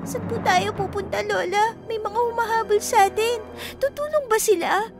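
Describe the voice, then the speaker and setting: A frightened pleading grandchild. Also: female voice, very high-pitched, normal speed, music in the background. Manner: pleading, tearful. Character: young grandchild, frightened and loyal. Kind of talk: animated storybook voice acting.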